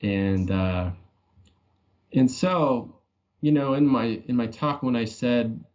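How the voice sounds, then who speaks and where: A man's voice: mid-range voice, takes it slowly, a little mellow. A male guest speaking in a conversational podcast interview, earnest and reflective, working through hypothetical questions. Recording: dull lo-fi audio.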